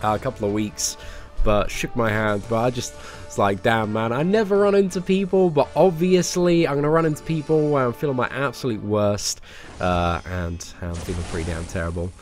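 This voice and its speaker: A young gaming streamer from England plays a mobile game on a live stream, chatting casually and greeting viewers by name with many fillers. He sounds expressive and mid-range at a normal speed, a bit nasal from a cold, with faint music behind him.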